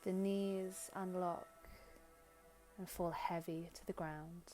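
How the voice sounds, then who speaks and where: Gentle and unhurried, a woman guides a meditation in short, soothing phrases separated by long pauses. Her voice is fairly low and her intonation fairly even, with music playing in the background.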